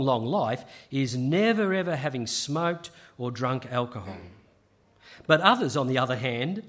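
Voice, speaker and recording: A man preaching a sermon, measured and emphatic, with frequent restarts. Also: mid-range voice, fairly bright tone.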